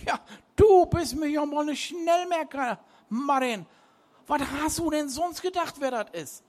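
A man's voice: very high voice, measured pace, voice pushed up. A man voicing a tipsy, superstitious old sea captain who slurs his dialect-tinged words. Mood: gruff, slurring. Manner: slurred, dialect-tinged speech.

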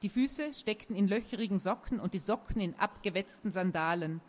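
A woman reading a children's story aloud in a lively, expressive way. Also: medium pitch, a little fast.

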